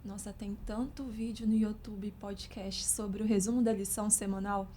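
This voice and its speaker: A woman with a Brazilian Portuguese accent, a teacher speaking calmly in a panel discussion. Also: medium pitch, moderate pace, slightly rough.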